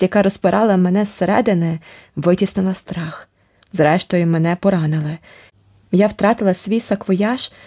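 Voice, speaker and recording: A woman narrating an adventure audiobook in the first person, with expressive, dramatic storytelling. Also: mid-range voice, husky.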